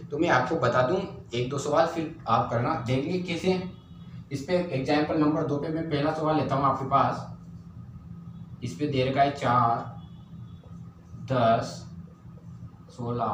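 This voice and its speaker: Guy teaching math, kinda high voice, super echoey room, asks himself questions then answers. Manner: repetitive, asks and answers his own questions. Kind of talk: classroom math lesson. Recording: very echoey room, faint ambient noise.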